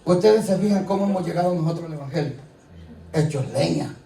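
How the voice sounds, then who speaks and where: In a church, a man preaches in a high-sitting, dark-toned voice at a racing pace. The recording is echoey and distant, with faint ambience and responses from the congregation, and he keeps his sermon conversational, often posing rhetorical questions.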